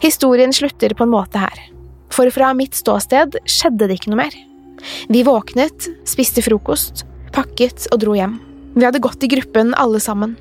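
A woman narrates a scripted horror story in the first person, calm and measured. Her voice sits somewhat high, with faint music playing beneath her studio-clean reading. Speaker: podcast narrator.

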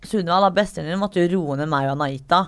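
A woman in her twenties telling a story in casual chat, lively and acting out quotes with sudden shrieks. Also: lowish voice. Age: 20s. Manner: swears casually.

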